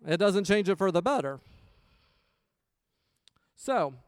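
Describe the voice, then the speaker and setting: A man sharing a personal testimony in a casual storytelling sermon, animated and acting out quoted lines. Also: high-pitched, slow, clear, resonant tone, dry recording, clean studio sound.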